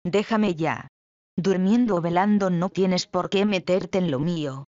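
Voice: mid-range voice, measured pace, a little mellow, no echo, close to an everyday voice. A reader doing a defiant youngest sister. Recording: dull, lo-fi, dry.

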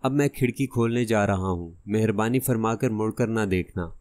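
A man voicing a cunning masked gunman in an audiobook who gives hushed, threatening orders. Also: lowish voice, close to an everyday voice. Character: menacing masked male gunman, cunning and cold.

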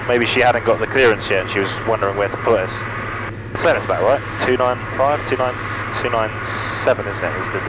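Man talking over a cockpit headset mid-flight, lowish voice, easygoing, engine drone behind. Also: a little fast, very noisy. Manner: relaxed, thinking aloud with fillers. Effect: pilot cockpit headset sound. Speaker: pilot and vlogger. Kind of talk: casual cockpit chat explaining the flight. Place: small aircraft cockpit in flight.

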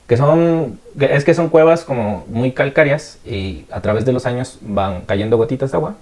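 A woman from Guerrero, hosting a casual podcast interview and explaining things in a relaxed way. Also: very deep voice, normal speed. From Guerrero, Mexico. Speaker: podcast host.

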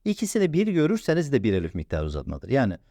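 Patient male teacher, lively pitch. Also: dry recording, studio quality. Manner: patient, repeats sounds slowly and asks himself questions. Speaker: Quran reading teacher. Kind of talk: step-by-step recorded lesson.

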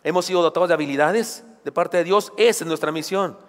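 Emphatic preacher in an echoing hall. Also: male voice, fairly high pitch, quick pace. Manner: emphatic, rhetorical questions, joking asides. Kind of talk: sermon. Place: church sanctuary. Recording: long church hall reverb.

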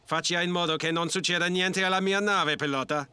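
A man's voice: high-pitched, fairly even intonation, fairly quick, bright, forceful tone, a little hiss or hum. A man playing an urgent, commanding military officer calling out orders in a space combat video game.

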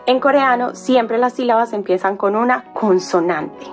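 A woman's voice: on the high side, faint music behind. A woman teaching an alphabet, spelling out syllables one by one in a patient, explaining way. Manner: patient, spelling out sounds slowly. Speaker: language teacher. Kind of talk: explaining on a whiteboard.

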